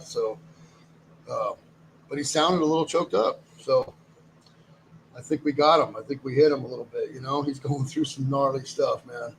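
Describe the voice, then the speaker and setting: A man's voice: mid-range voice, a bit bright, a little hiss or hum, low-quality recording. A man hosting a live stream, talking casually and rambling as he greets viewers and goes through items. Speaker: live stream host running a silver auction.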